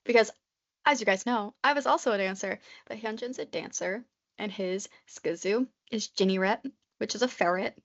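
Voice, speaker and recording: A woman's voice: mid-range voice, moderate pace, muffled recording. A woman in her twenties co-hosting a podcast, chatting casually and rambling with lots of "like" fillers. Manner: rambling, constantly says "like", nervous chatter. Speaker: podcast co-host. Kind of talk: casual chat.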